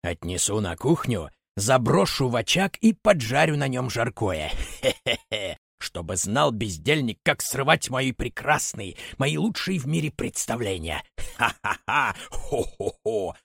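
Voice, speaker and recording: A blustering, gloating puppet master, put on by a reader, barks and bellows with a pitch that swings high and low. He booms orders and cackles like a stage villain in a children's play read aloud. The sound is dry and close. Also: sing-song, unhurried, vocal fry, a bit bright, dry recording, full character voice. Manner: booming, gloating laughter, sneezing fits. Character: blustering puppet-theatre owner, cruel showman.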